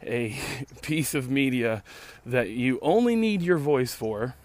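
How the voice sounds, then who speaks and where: In a mid-range, darkish voice with lively intonation, a hoarse man in his late thirties takes it slowly as he loses his voice. He hosts a casual solo podcast outdoors in a park, rambling sardonically and swearing without restraint.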